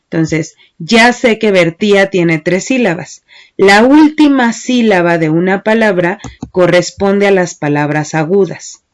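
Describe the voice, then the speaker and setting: A woman's voice: medium pitch, a little slow. A woman teacher giving a methodical lesson, patiently explaining step by step and counting syllables aloud one by one. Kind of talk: slow, methodical class lecture.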